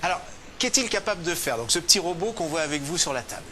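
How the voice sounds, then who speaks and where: A man hosting a TV interview, introducing his guest and asking brisk, direct questions. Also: on the high side, lively intonation, bright, forceful tone, a little hiss or hum. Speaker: TV interviewer, host. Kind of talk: TV news interview.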